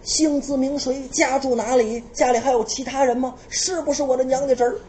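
A woman voicing a dramatic old princess consort in a Beijing accent, wailing and pleading in drawn-out tones. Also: sits high, steady tone, mellow, slight background noise, lightly acted. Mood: pressing.

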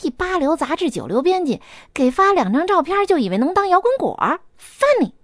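A woman voicing a brash, rich young woman who taunts and threatens loudly and scornfully. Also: extremely high pitch, sing-song, fairly quick, no echo, studio quality, voice pushed up. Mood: threatening.

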